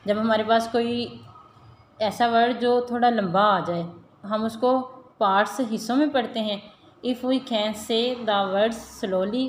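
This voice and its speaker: A woman teacher, giving a recorded online lesson to young children and reading words slowly and deliberately. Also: mid-range voice. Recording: echoey room, faint background hum.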